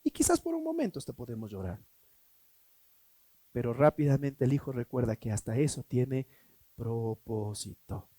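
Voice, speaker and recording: A man preaching a sermon as pastor, emphatic, swinging between loud and hushed, asking rhetorical questions. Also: medium pitch, very animated, normal speed, long pauses, husky, no echo. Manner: acts out quoted voices in a mocking tone.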